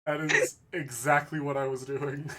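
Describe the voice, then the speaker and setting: A man streaming a courtroom game, commenting in a profane and excitable way. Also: a little high, moderate pace, heavy background noise.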